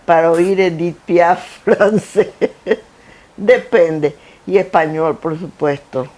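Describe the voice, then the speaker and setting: Older Ecuadorian woman, warm low voice. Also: slow. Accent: Ecuadorian coastal Spanish, Guayaquil. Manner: animated, anecdotal, lists with repetition. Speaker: interview guest, founder of a foundation. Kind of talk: conversational interview, storytelling. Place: theater stage.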